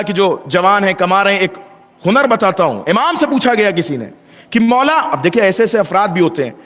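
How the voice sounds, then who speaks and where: A man's voice: extremely high pitch, a bit bright, long reverb tail. A male preacher delivering an emphatic sermon, telling a story and acting out its dialogue, repeating key phrases for emphasis.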